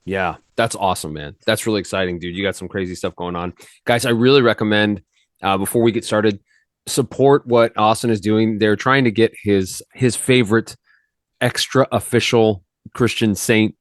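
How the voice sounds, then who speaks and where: Male podcast host, lower voice, casual rambling delivery, dry close sound. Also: normal speed, no room sound. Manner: loose, rambling, slangy, with many restarts.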